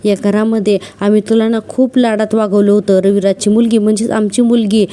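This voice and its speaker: A stern father lectures with indignation, read by a woman. The voice stays dark and mellow. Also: mid-range voice, little pitch movement, fairly quick, natural voice. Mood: indignant.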